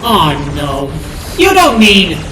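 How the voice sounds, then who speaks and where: A woman's voice: mid-range voice, huge pitch swings, slow pace. A woman voicing a sarcastic, complaining robot rat crewmate in a comic dub. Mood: exasperated. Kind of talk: comic dub cartoon acting. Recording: echoey room, music underneath.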